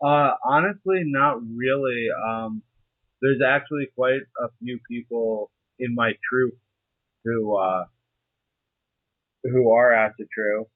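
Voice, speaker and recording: A man's voice: medium pitch, slow, no echo. A young adult man talking casually and informally in an interview, hesitant and a little profane. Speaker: interview participant, serving soldier. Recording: muffled narrow phone-like line.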